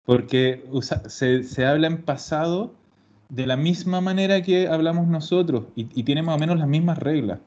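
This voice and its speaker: A man leads an online language class, walking through grammar points in a patient, explanatory way and often restarting his sentences. His voice sits a little high. The sound is dull and lo-fi, like a video call. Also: moderate pace, a little mellow. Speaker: Italian teacher.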